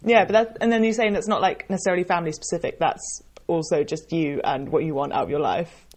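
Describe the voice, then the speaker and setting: A woman's voice: lowish voice, quick pace, darkish tone. A young woman, chatting casually on a podcast. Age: young adult. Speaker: medical student on a podcast. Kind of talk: casual chat.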